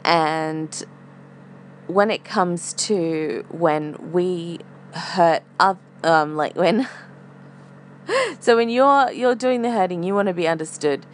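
A woman's voice: fairly low pitch, animated, takes it slowly. A woman podcast host thinking aloud in a casual, reflective monologue, with some hesitancy as she feels for words. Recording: faint air conditioner hum. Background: humming air conditioner.

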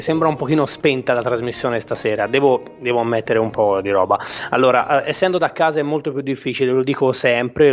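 A man hosting a casual live radio show from a small room at home, talking in a halting, rambling, self-correcting way. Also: mid-range voice. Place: small room at home, not a proper studio. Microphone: home microphone with headphones. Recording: dull small-room home broadcast, slight echo.

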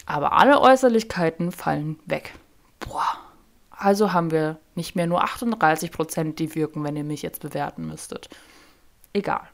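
A young woman hosting her own podcast in a casual, chatty monologue, joking about herself and often leaving sentences unfinished. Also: lowish voice. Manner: chatty, self-deprecating, loses track of sentences. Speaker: podcast host. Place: sitting on her bedroom floor.

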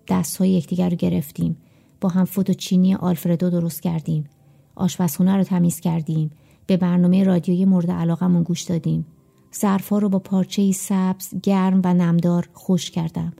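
A woman reading a first-person story aloud as an audiobook, in a measured, reflective storytelling manner. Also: lowish voice, creaky, mellow. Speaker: audiobook narrator.

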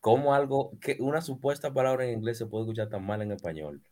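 A Dominican-accented man on a casual podcast, jumping in with jokes and repeating himself as he gets going. His voice sits at an ordinary middle pitch, and he talks in a loose, lively back-and-forth. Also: fast talker. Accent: Dominican Spanish. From Dominican Republic. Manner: animated, joking, repeats words. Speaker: podcast co-host. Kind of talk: casual chat.

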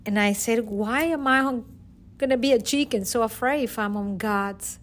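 Her voice is a little high and fairly bright, moving at a moderate pace. The guest is a middle-aged Venezuelan teacher with a Venezuelan Spanish accent, giving an emotional, earnest testimony with many restarts.

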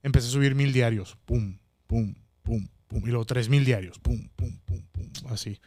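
A young adult man from Baja California, Mexico, a comedian guest telling stories in casual podcast chat with lots of slang and animated bursts. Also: medium pitch, moderate pace, dry recording, studio quality. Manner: slangy, animated storyteller, breaks into shouted catchphrase.

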